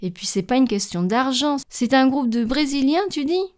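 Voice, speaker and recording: A woman's voice: high-pitched, lively intonation, moderate pace, a little mellow. A woman playing a practical working mother who reluctantly agrees to a favor, in a scripted French lesson dialogue. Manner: reluctant, firm. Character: practical working mother, firm but kind.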